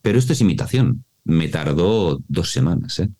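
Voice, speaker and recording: A man from Mallorca speaks with a Spanish accent from Spain in an extremely low, dark and mellow voice. He explains like a voice coach in an interview, with an expressive teaching tone and frequent check-ins. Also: normal speed. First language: Mallorcan Catalan alongside Spanish. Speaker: voice-over artist and voice coach.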